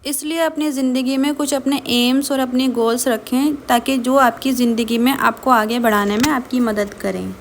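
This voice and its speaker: A woman's voice: on the high side, fairly even intonation, normal speed, hardly any pauses. A woman gives earnest advice in a casual vlog, slipping English phrases into her talk. A faint background noise runs underneath. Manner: earnest, advising, mixes English phrases into Hindi. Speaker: vlogger giving marriage advice.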